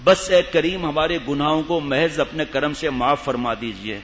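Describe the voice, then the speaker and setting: A man's voice: on the high side, fairly bright tone, long reverb tail. Man, preacher, humorous sermon, teasing tone, dull lo-fi recording, faint room noise. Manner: jokey, teases the listeners, acts out quoted people.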